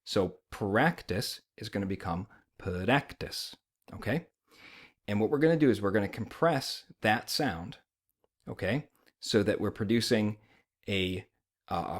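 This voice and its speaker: A man teaching pronunciation in an informal way, repeating example words and sounds slowly to demonstrate flapped and rolled R's. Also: on the low side. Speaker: language teacher. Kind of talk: informal instructional explanation.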